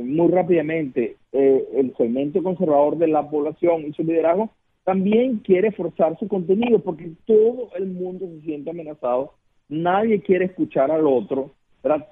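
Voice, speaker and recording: A husky, fairly high male voice belongs to a Venezuelan political consultant with a Venezuelan Spanish accent. He is a guest on a radio interview conducted by phone, speaking earnestly, repeating words and asking rhetorical questions, with the audio muffled by the line.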